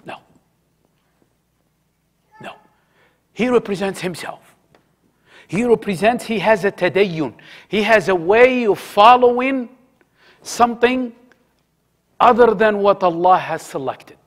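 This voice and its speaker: A man's voice: high voice, slow pace, long pauses. A man teaching a religious study circle in a conversational way, asking his listeners questions, repeating key phrases and mixing in Arabic words. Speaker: halaqa teacher.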